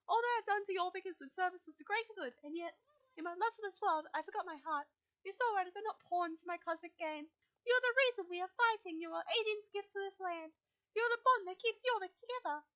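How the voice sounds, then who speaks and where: A woman voicing an ancient, gentle cosmic blue spirit that speaks in a solemn, measured way. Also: very high-pitched, voice pushed up.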